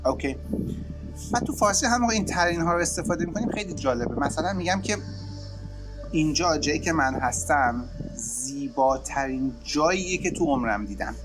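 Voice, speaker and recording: A man with a Persian accent teaching an English grammar lesson, speaking quickly in Persian and slowly stressing English examples. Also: a little high, low-quality recording. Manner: switches between rapid explanation and slow, stressed example phrases.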